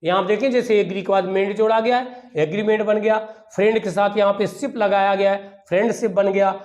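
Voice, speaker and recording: A man's voice: high-pitched, steady tone, fairly quick, darkish tone, lo-fi sound. A male teacher giving a grammar lesson, repeating key points and asking questions that he answers himself. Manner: repetitive, asks and answers his own questions. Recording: echoey room.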